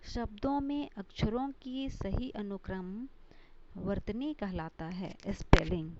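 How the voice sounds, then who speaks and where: A woman teaches a slow classroom lesson on Hindi grammar, repeating each point and explaining terms with English words. Her voice is medium-pitched and slow-paced, and the dull lo-fi recording carries steady noise.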